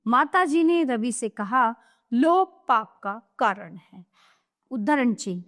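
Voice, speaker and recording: High-voiced woman teaching young children. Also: animated, takes it slowly, a bit bright. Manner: explains patiently, repeats and checks with "thik hai". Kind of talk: grammar lesson for children.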